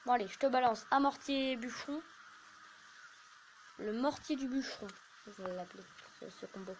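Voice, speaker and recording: A woman YouTuber chatting through her game in a loose, rambling way, poking fun at herself. Her voice sits a little high, and a faint hiss runs under the recording. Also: normal speed. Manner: chatty, rambling, self-mocking. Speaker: gaming YouTuber. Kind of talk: casual gameplay commentary.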